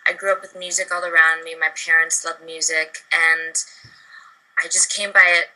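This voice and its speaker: Young female singer from Barbados, low-ish bright voice, chatty with fillers, talking over a video call. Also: little pitch movement, moderate pace, low-quality recording. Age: young adult. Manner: chatty, upbeat, many fillers. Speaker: singer interviewee.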